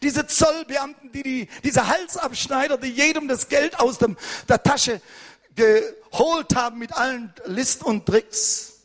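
An older man preaching an impassioned sermon as pastor, hurried and fervent, at times rising to a shout. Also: very high voice.

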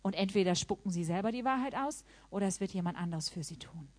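A woman preaching a sermon in German with personal testimony, building to loud, impassioned exclamations. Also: mid-range voice, lively intonation, quick pace.

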